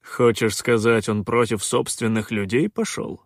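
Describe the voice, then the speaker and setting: A man voicing a gloomy, bullish male miner creature who talks slowly and sullenly. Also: mid-range voice, a bit bright, no echo, studio quality, lightly acted. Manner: slow, sullen, grumbling.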